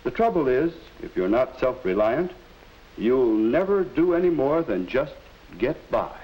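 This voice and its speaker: Animated 1950s narrator schoolteacher. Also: male voice, medium pitch, lo-fi sound. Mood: instructive. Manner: didactic, measured 1950s narrator delivery. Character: kindly, instructive male schoolteacher in a 1950s film. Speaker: teacher advising a student. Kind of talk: 1950s educational film narration and acting. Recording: hissy old 1950s film soundtrack.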